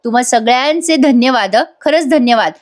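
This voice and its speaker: A woman's voice: on the high side, moderate pace, natural voice. A woman voicing a humble, reformed male prisoner who talks in an earnest, apologetic, rustic way. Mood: grateful.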